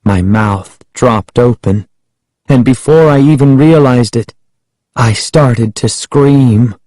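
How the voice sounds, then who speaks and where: A man reading a children's horror book aloud in the first person, slow and suspenseful with dramatic emphasis. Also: medium pitch, a little mellow, no room sound. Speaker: audiobook reader.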